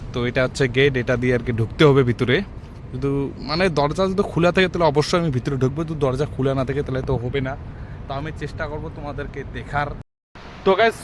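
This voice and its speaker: Guy from india vlogging on his phone, rambly casual chat, loud street noise behind. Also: on the high side. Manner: chatty, addresses viewers as guys, many fillers. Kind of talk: casual walking vlog. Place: outdoors in a city, then inside a large mosque. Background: traffic and city ambience.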